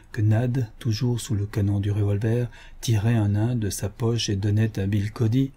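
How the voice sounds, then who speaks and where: Man, audiobook reader, scripted narration, measured, husky, mid pitch. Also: warm tone.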